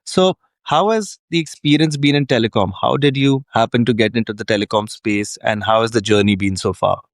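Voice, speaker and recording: A man's voice: medium pitch, fairly quick, no echo, clean studio sound. A man hosting a podcast interview, introducing his guest with effusive, welcoming praise. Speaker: podcast host.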